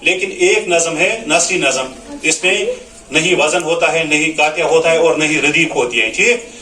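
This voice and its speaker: A male teacher walks through a lesson in a bright, forceful voice that sits a little high. He keeps checking that his students are following. The sound is roomy and the mic is set some way off. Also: normal speed. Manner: explanatory, repeats "है ना" to check understanding. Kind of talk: classroom lesson on Urdu poetry recitation. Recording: echoey room, mic at a distance.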